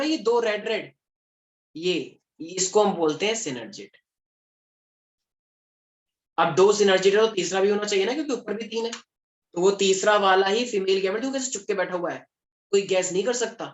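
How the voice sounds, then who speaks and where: A man's voice: high-pitched, moderate pace, long pauses. A young man from Delhi teaching a class in a chatty, joking way, mixing in English terms. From Delhi, India. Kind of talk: classroom lecture. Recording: echoey classroom.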